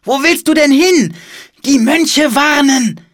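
A man's voice: very high voice, expressive, moderate pace, no room sound, clean studio sound, pitched above the performer's own voice. A man voicing an alarmed young boy, the serious older brother, in an audiobook story.

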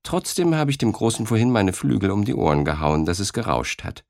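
A man voicing a kind, chatty guardian angel in an audiobook, speaking softly and in a friendly, confiding way. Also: on the low side, big pitch swings, a little fast, vocal fry, no room sound, studio quality, voice pushed up. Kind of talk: audiobook character voice.

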